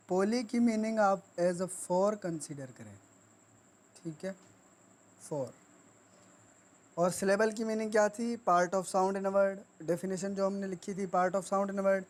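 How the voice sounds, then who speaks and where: A woman teaching grammar. She speaks deliberately and repeats each word for dictation. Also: medium pitch, darkish tone. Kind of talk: classroom lesson.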